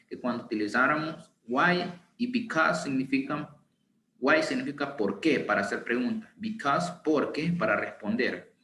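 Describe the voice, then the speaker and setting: A man teaching an online English lesson in Spanish, reading English examples slowly and explaining them patiently. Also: mid-range voice, fairly bright tone, slight background noise. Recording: roomy echo with faint ambience.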